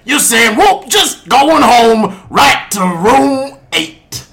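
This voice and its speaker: An actor playing a hapless robber in an improvised comedy scene, with an exasperated, yelling manner. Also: male voice, extremely high pitch, big pitch swings, extremely slow, creaky, exaggerated voice. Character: hapless male robber Clive. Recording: live stage with audience.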